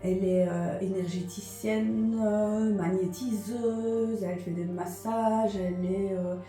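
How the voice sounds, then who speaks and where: A woman's voice: medium pitch, fairly even intonation, slow pace, dark tone, reverberant, faint music behind. A woman from Liège with a Belgian French accent, chatting hesitantly in a vlog, with lots of fillers and repetitions. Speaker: vlogger. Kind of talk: casual confessional chat.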